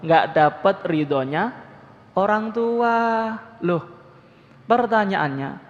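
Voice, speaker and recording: A man's voice: sits high, animated, takes it slowly. A male preacher, telling a story animatedly in his sermon and often addressing the listeners. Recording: echoey hall, dull lo-fi sound.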